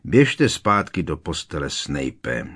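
A grizzled old hunter of dark wizards growls his words slowly, with a quiet threat under them, as a male narrator puts him on. The voice is deep and rough, a storybook bruiser. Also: sing-song, exaggerated voice. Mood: menacing. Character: gruff, grizzled older male monster hunter. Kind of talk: audiobook character voice.

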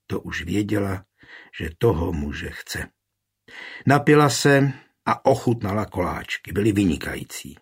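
A man narrating an audiobook in an even, lowered voice. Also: gravelly, slightly rough.

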